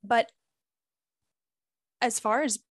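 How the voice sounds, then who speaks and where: Candid, emphatic woman, a bit higher voice. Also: drawn-out words, no room sound, studio quality. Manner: candid and emphatic, swears freely. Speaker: guest; former group fitness instructor. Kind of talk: casual conversational interview.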